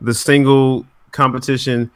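A man's voice: medium pitch, level tone, a little slow, clean tone. A man co-hosting a casual podcast chat, giving short answers and laughing easily. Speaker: podcast co-host.

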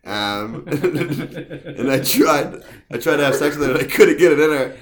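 A man co-hosting a podcast who teases with deadpan crude jokes in casual banter. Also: fairly high pitch, a little slow, reverberant. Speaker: podcast co-host.

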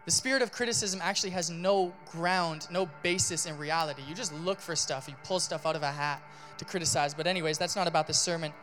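A male pastor giving a sermon in a casual, animated storytelling style, full of fillers. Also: on the high side, quick pace, music in the background.

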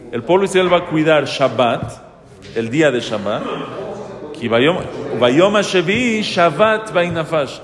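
A man, a rabbi, teaching a Torah lesson to a live audience, reading Hebrew verses and translating them, often asking and answering his own questions. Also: a little high. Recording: reverberant hall.

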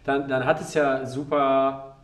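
A man's voice: medium pitch, flat delivery, a little slow. Male host, long rambling questions; distant, echoey room. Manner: long winding questions with restarts. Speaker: podcast host. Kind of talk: casual podcast interview.

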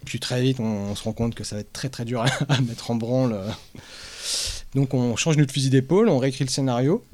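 A man's voice: mid-range voice, brisk, a little mellow. Man in a rambling interview chat. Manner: rambling, many fillers. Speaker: film director. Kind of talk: casual interview talk.

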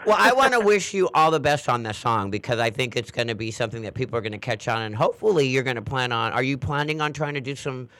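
A man's voice: mid-range voice, animated, fast talker, hardly any pauses, sharp tone. A man hosting a talk show, chatting with a guest in a sassy, playful way and laughing often. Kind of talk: casual interview chat.

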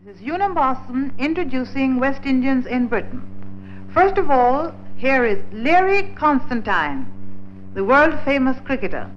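Archival female presenter, bright and animated, old newsreel sound. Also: high-pitched, a little slow. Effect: old newsreel broadcast sound. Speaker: radio presenter. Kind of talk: formal archival broadcast introduction. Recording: distant dull lo-fi archive broadcast with faint hum.

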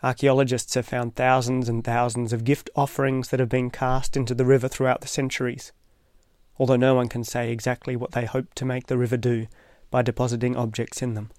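Man, calm essay narrator, level delivery, dry close-miked sound, wry asides. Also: mid-range voice, a little fast, no room sound.

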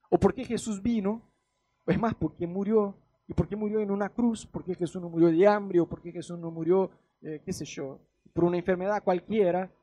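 A young man with an Argentine accent preaching a casual, humorous sermon, acting out Bible scenes with quick voices. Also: high voice, dark tone, husky. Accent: Argentine Spanish.

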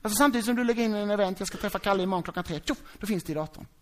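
A preacher giving a sermon in a casual, conversational way, often checking whether the congregation is following. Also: mid-range voice. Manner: animated, acts out quoted voices.

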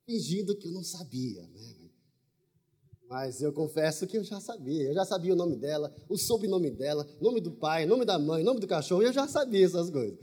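A man stands before a congregation and tells his testimony as a lively story, often breaking off to speak to the crowd. His voice sits fairly high and has a husky edge. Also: moderate pace. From Brazil. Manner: storytelling, humorous, with asides to the audience. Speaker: preacher.

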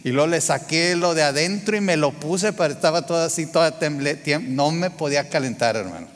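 A man with a Mexican accent preaching to his congregation in a relaxed storytelling manner, often checking in with "¿verdad?". His voice sits a bit high for a man. The sound rings with the long reverb of a large hall. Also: brisk. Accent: Mexican Spanish. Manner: conversational, frequent "¿verdad?" asides to the congregation. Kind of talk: sermon with a personal story.

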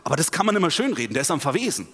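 A man preaching a sermon with passion, swinging between hushed asides and loud emphatic peaks. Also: fairly high pitch, big pitch swings, racing, breathy edge. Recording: long hall reverb.

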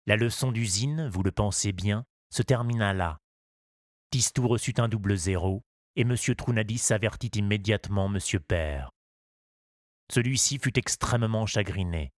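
A man narrating a children's story in a measured, expressive reading. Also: lowish voice, no echo, studio quality.

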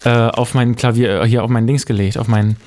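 A man's voice: medium pitch, flat delivery, brisk, darkish tone. A young man co-hosting a podcast in casual chat, rambling with many fillers and restarts. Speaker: podcast co-host.

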